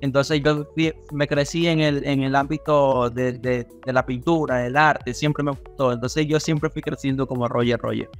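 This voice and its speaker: A young man with a coastal Ecuadorian Spanish accent tells stories as a podcast guest on a video call from a small indoor studio room. His medium-pitched voice has fairly even intonation, and his delivery is casual and halting, with repeated words. Faint music plays in the background.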